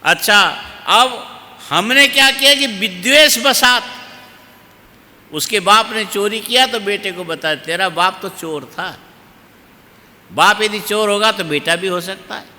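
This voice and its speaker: A man giving a Hindi religious discourse, teaching in a slow cadence, asking listeners questions and chanting Sanskrit verses. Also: sits high, sharp tone, big-room sound. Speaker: Bhagavata katha preacher.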